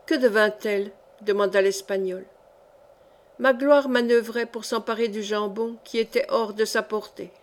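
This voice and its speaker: A woman reading a historical novel aloud in a measured, clear way. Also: medium pitch, steady tone. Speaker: audiobook reader.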